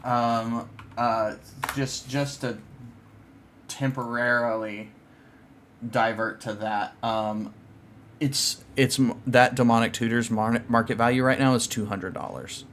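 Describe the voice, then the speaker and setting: A man's voice: mid-range voice, steady tone, slow pace, fairly bright tone, a little hiss or hum. A man hosting a podcast, chatting casually and rambling with lots of fillers and restarts. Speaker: podcast host. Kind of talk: casual chat about card games.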